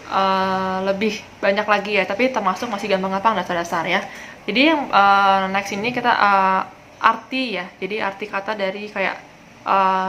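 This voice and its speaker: A woman's voice: medium pitch, sharp tone, a little hiss or hum, rough recording. Chatty Indonesian woman teaching Italian. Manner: chatty, many fillers, slow drawn-out example words. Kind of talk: casual video lesson.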